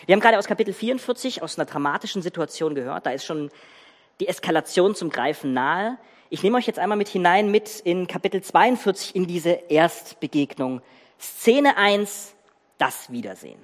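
A preacher giving a sermon in a church, telling the story with lively emphasis and speaking directly to the listeners. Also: mid-range voice, brisk, in a large hall.

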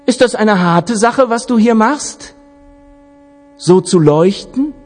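A scheming neighbor star with a sly, insinuating manner, as a male storyteller puts him on. The voice sits high and swings up and down as he needles and goads. It rings out with a long reverb over faint music. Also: lively intonation, slow pace, a little mellow, heavily acted. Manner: wheedling, insinuating, rising to goading.

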